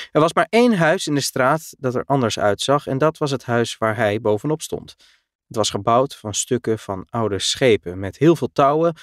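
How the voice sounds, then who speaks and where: A man reading a children's story aloud with clear, expressive storytelling. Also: mid-range voice, no room sound, studio quality. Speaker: narrator.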